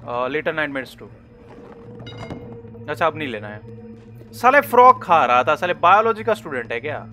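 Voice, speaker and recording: Lively young man joking through gameplay. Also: on the high side, unhurried, a little hiss or hum. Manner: joking, teasing the game's enemies. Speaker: gaming YouTuber. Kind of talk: casual Hindi gameplay commentary.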